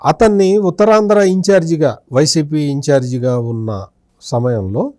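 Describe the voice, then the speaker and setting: In this interview, a man who is a senior journalist accuses an absent politician, firing off one rhetorical question after another. He speaks at a moderate pace in a slightly high voice with a dark tone, and the studio-quality audio is dry.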